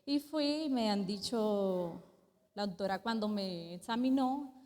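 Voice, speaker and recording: A woman's voice: medium pitch, lively intonation, measured pace, darkish tone. A woman giving a personal testimony at church, speaking hesitantly with many fillers and an emotional retelling. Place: church hall. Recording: long church hall reverb.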